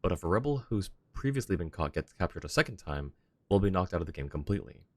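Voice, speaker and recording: This deep-voiced fast talker, recorded with no echo, is a tired man streaming a game late at night. His casual gameplay chat comes out relaxed and mumbled, and he reads the game's text aloud.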